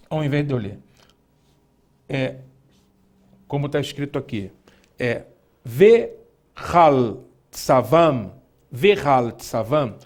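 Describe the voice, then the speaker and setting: A man, teaching an online lesson and speaking directly to the student, slowly spelling out and repeating words. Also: medium pitch, darkish tone. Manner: didactic, addresses the student directly, slow careful spelling-out of words. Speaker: Hebrew teacher.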